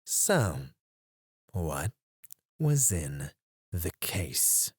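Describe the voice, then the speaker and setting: Here a man takes on the role of a menacing mercenary interrogator for ASMR, his voice low, taunting, near the microphone, and now and then whispered. He goes fully into character, speaking very slowly with wide pitch swings and a breathy edge, and there's no echo.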